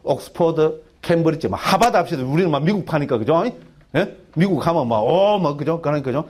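A man, a Buddhist monk, giving a lively dharma lecture in a Gyeongsang dialect, often asking his listeners for agreement. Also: fairly high pitch, brisk, husky. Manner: keeps asking the audience for agreement, animated and colloquial. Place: temple education hall.

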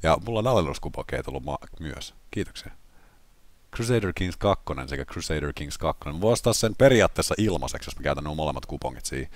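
A man hosts a casual gaming vlog in a voice left hoarse by illness, pitched very deep. He chats along with filler words and jokes at his own expense. The sound is dry and close, with no room echo. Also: expressive. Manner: self-mocking, chatty with filler words. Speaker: gaming channel host.

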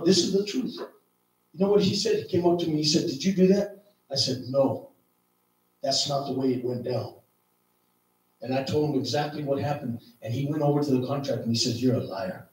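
A man preaching a sermon, telling a personal story in a loose, conversational way full of "man" and "you know", sometimes shouting. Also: mid-range voice. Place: church hall. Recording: echoey church hall, distant mic.

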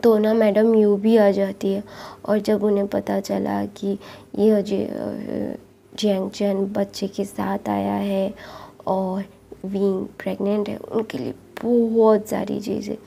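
Soft-spoken woman retelling a story. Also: medium pitch, level tone, takes it slowly, vocal fry, slight background noise. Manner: soft-spoken, chatty, repetitive linking phrases.

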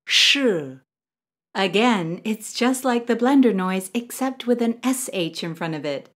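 A woman teaching pronunciation as a patient instructor, modelling each sound clearly and adding playful asides. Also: medium pitch. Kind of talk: slow, clear instructional narration.

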